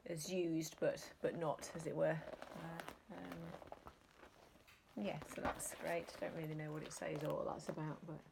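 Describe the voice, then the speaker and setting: Low gravelly woman vlogging. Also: flat delivery, a little slow, noisy background. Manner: rambling, hesitant with many ums. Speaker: reseller vlogger. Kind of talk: casual chat.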